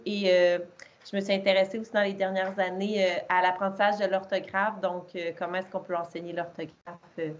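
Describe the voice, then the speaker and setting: A woman's voice: medium pitch, highs cut off. A woman in her thirties, a professor, speaking earnestly on an online panel through an earphone mic, with frequent fillers. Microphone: earphone headset mic on a video call.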